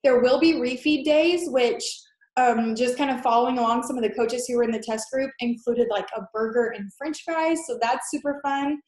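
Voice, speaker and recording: A young woman with a stuffy head-cold nose presents a fitness webinar as a casual sales presentation, chatty, full of fillers and reassuring. Her voice is on the high side and a little mellow, at a moderate pace. She talks over a laptop mic on a video call, in an echoey room.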